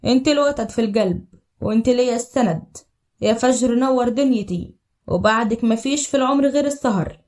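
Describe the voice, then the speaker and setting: Woman doing a low Upper Egyptian young husband. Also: fairly quick, darkish tone, natural voice. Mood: ardent. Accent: Upper Egyptian Arabic. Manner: low, earnest, tender declarations. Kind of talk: storybook audio drama.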